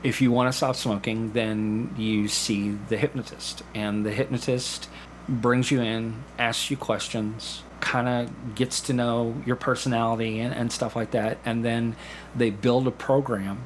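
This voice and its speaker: A man appears as a podcast guest, a clinical hypnotherapist and community actor, explaining his work conversationally and acting out examples in quoted dialogue. His mid-range voice is level and measured, and the rough recording has a little hiss or hum.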